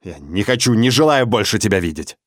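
A desperate father at the end of his rope , as a male narrator plays him, with a lowered, hoarse, barking voice. He snaps and growls his words, as in an audiobook story. The sound is dry and close. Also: lively intonation, brisk, no echo, lightly acted. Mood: furious. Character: desperate father, man, furious and strained.

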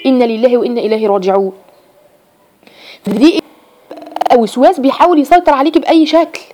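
Fast-talking Egyptian woman teaching religion. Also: high voice, noisy background. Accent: Egyptian Arabic. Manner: lively, repeats phrases, acts out examples. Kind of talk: religious lesson to women.

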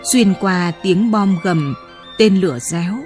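A woman narrating a novel as an audiobook in a steady, measured storytelling manner. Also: mid-range voice. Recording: dry close mic, faint music.

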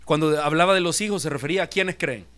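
A man's voice: on the high side, quick pace, a bit bright. A male pastor preaches a sermon. He drives his points home by repeating them and asking the congregation rhetorical questions. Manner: emphatic, repetitive, rhetorical questions.

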